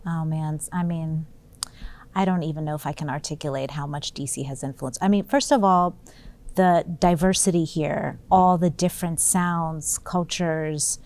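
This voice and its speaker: A woman's voice: deep voice, steady tone, moderate pace, a little mellow. A woman from Ethiopia who grew up near Washington D.C., answering interview questions in a thoughtful, reflective way with frequent ums. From Ethiopia, raised near Washington D.C. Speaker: guest musician.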